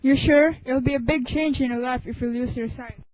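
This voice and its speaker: In a student radio drama, a young woman plays a curt, evasive, irritable hospital eye doctor, sounding businesslike, brusque and dismissive. Her high-pitched voice is steady, a little fast and darkish, close to an everyday voice with no echo. The amateur recording is muffled, with faint noise.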